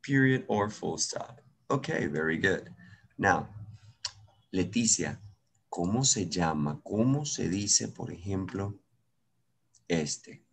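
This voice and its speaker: A man's voice: deep voice, lively intonation, slow pace, gravelly, long pauses, husky. A man with a Venezuelan accent teaching English in an online class, switching between Spanish and English, patient and encouraging.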